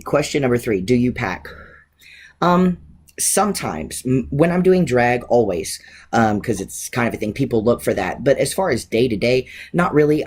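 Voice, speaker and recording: A man in his thirties answering viewer questions in a casual, candid vlog, relaxed with frequent ums and expressive inflections. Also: on the low side, a little hiss or hum. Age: 30s.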